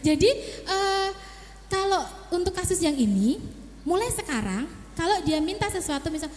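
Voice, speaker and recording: A woman's voice: very high-pitched, big pitch swings, moderate pace, a little mellow, faint music behind. A middle-aged woman, a child psychologist, talking to parents in a seminar, coaching them and acting out little scenes between mother and child. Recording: echoey hall reverb.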